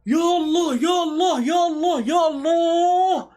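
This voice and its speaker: Very high-voiced excitable man. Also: normal speed. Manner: excitable, swears oaths, pleads with players. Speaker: football fan youtuber reacting live. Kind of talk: live match reaction.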